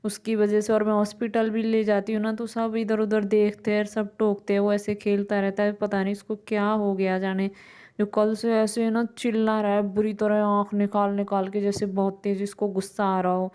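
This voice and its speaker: A woman's voice: medium pitch, completely flat delivery, moderate pace, darkish tone, clean tone. A tired woman vlogging about her day at home, rambling on casually while she does her chores. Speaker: mom vlogger. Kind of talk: casual chatty home vlog narration. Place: home kitchen.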